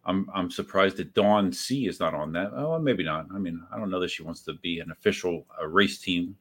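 A man's voice: low voice, normal speed. A man hosting a livestream, chatting casually, rambling and correcting himself as he reads out viewers' messages after a few drinks. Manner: rambling and self-correcting, talks to viewers by name. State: has had a few drinks. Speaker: livestream host.

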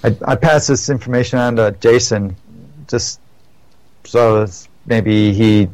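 A man's voice: fairly low pitch, unhurried, a little mellow, dry recording, low-quality recording. A man chatting casually on a podcast, rambling through stories with many restarts and self-corrections. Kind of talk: casual chat.

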